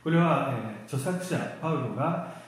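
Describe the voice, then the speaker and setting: A man giving a church sermon in a relaxed, self-deprecating, joking way, with many fillers and pauses. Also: medium pitch. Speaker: lay preacher. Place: church hall. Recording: very echoey hall.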